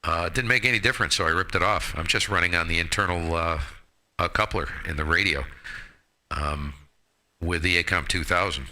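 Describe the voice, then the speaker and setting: A ham radio operator hosting a live stream talks casually about his radio hobby into a headset mic. He has a deep voice with a sharp tone and brisk delivery, and he's blunt and opinionated, tossing in mild folksy exclamations.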